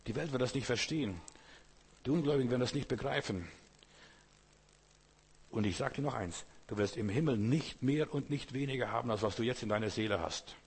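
A man's voice: mid-range voice, brisk, long pauses, husky. A man preaching a sermon, speaking directly to the listener with emphatic repetition. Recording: long hall reverb.

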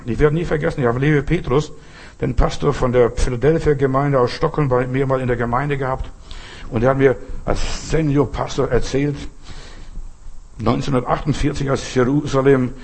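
A man's voice: mid-range voice, breathy edge. An older man, a pastor, preaching an earnest sermon and telling stories with acted-out quotes.

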